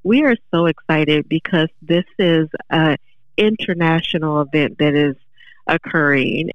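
A woman guest speaking over the phone, pausing often with fillers as she lays out event details. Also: deep voice, no room sound, highs cut off. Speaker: library director guest.

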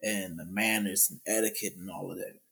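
A man's voice: sits low, fairly quick, vocal fry. A young man from Georgia, co-hosting a podcast in casual, profane, joking banter. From Georgia, US South. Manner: animated, profane, joking boasts. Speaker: podcast co-host.

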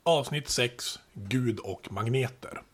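A man hosting a podcast, telling history in a relaxed, chatty way with casual asides. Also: medium pitch, breathy edge. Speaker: podcast host.

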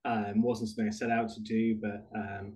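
A British man, a podcast guest, talking through his career in a relaxed, rambling conversational way. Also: fairly low pitch, normal speed, poor audio. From United Kingdom. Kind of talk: conversational interview.

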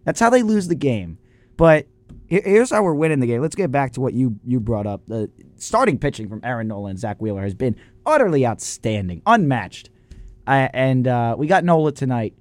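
A young man co-hosting a college sports radio show, giving casual game recaps with dramatic, drawn-out emphasis. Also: medium pitch, sing-song, no echo.

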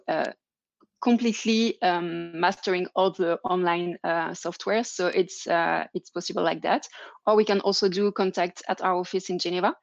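A woman's voice: on the low side, gravelly, no room sound, muffled recording. A woman with a French accent, answering interview questions with many fillers and restarts. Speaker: interview guest, company founder. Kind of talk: live interview over video call.

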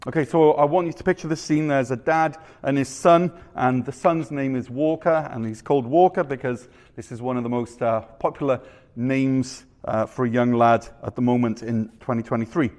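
A man's voice: medium pitch, fairly even intonation, moderate pace, darkish tone. A man, preaching a sermon in a conversational, storytelling manner with rhetorical questions. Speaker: pastor.

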